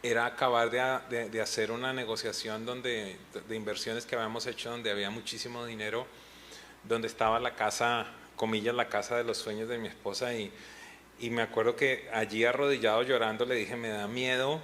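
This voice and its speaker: Brisk and level, with a medium-pitched, slightly bright voice and slight background noise, a middle-aged pastor delivers an earnest testimony at a pastors' panel. His personal story carries emotion, including retellings of times he was in tears.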